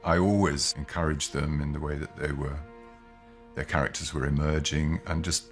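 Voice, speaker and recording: An older man, a parent, speaks in a documentary interview. His voice is very deep, and his delivery is measured and reflective. Soft music plays faintly behind him. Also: fairly even intonation.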